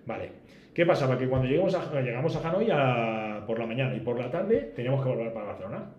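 Guy rattling off a travel story, fast and bouncy, roomy echo, faint hiss behind. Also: mid-range voice, muffled recording. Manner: animated storyteller, acts out dialogue. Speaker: podcast guest.

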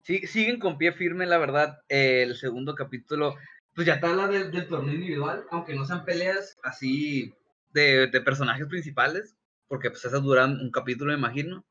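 Bright-voiced young man, lo-fi. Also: on the high side, normal speed. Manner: slangy, swearing, animated asides. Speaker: podcast co-host. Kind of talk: casual chat. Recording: dull lo-fi sound.

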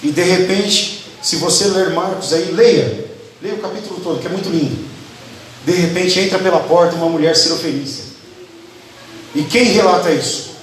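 A man's voice: high voice, normal speed, pauses often. A man with a Brazilian Portuguese accent preaching a conversational sermon, often asking the congregation for an amen. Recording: echoey room, mic at a distance, faint background noise.

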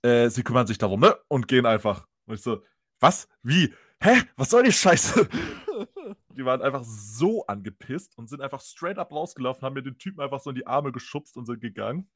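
A man's voice: mid-range voice, fast, few pauses, no echo, studio quality. A man telling an anecdote in casual podcast chat. He talks animatedly, laughs often and acts out the people he quotes. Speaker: podcast host.

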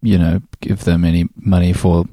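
A man's voice: low voice, level tone, normal speed, warm tone, no room sound, studio quality. A man co-hosting a comedy podcast, making wry observations and teasing his friends. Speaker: podcast co-host. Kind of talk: casual comedic banter.

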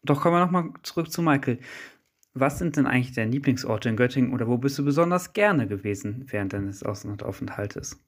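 A man's voice: medium pitch, a little fast. Young male student radio reporter. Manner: scripted, even narration with interview questions. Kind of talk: read-out radio feature narration.

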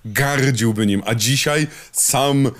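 A man's voice: mid-range voice, slow pace, a bit bright. Wry man co-hosting a film podcast. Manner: wry, ironic banter. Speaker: podcast co-host. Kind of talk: casual film podcast chat.

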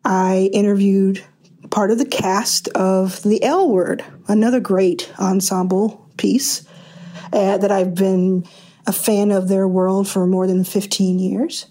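Excited, breathless woman podcast host. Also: mid-range voice, slow pace. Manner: excited, restarts often, laughs. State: a little out of breath. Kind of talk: casual podcast intro and interview.

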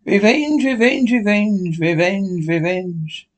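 A man's voice: high-pitched, expressive, unhurried, creaky, darkish tone, slightly rough, heavily acted. A man acting a vengeful, crazed young woman in a horror radio play, speaking obsessively and repeating herself.

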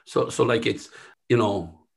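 A middle-aged man with a thick West of Ireland accent, answering interview questions modestly and haltingly, often circling back to rephrase. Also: medium pitch, gravelly, slightly rough. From Sligo, west of Ireland. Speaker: company chief executive being interviewed.

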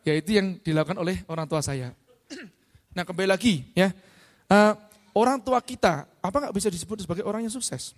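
A middle-aged man Indonesia, giving a lively motivational talk to a live audience and often asking them questions. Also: high voice, a little fast. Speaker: speaker at an event. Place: large hall. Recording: long hall reverb.

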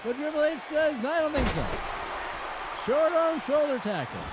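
A man doing an excited wrestling commentator, calling moves play-by-play in a punchy, emphatic, often shouting delivery. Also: very high voice, moderate pace. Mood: punchy, focused. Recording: very noisy, loud crowd behind. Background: loud crowd noise.

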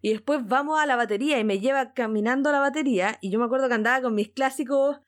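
Mujer chilena contando una anécdota emocionada. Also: female voice, high-pitched, fast. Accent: Chilean Spanish. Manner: excited, repeats words, laughs often. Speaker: guest. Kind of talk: casual storytelling.

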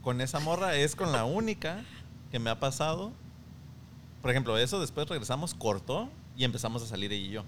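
A man's voice: medium pitch, animated, brisk, a bit bright, a little hiss or hum. A young man with a Mexican accent, telling a personal story in slangy, candid casual chat as a podcast guest.

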